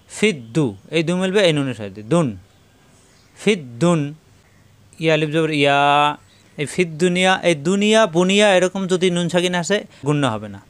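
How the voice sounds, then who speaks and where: A man leads a tajweed lesson, sounding out letters one by one before chanting whole verses slowly. His voice is smooth and resonant and sits a little high. The recording is close and dry. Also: dry recording. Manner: spells out letters and vowels step by step, then chants verses slowly. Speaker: Quran recitation teacher.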